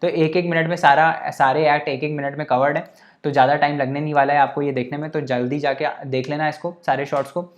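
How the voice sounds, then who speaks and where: A man's voice: a little high, flat delivery, fast. Chatty man coaching exam students. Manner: conversational, keeps checking in with listeners; mixes English terms into Hindi. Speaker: exam prep teacher. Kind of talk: casual coaching lecture.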